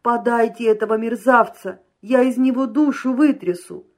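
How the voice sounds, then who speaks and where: A woman's voice: medium pitch, measured pace, slightly rough. Woman doing an impatient, exclaiming merchant man. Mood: agitated. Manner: loud exclamations, raised voice. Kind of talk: audiobook reading.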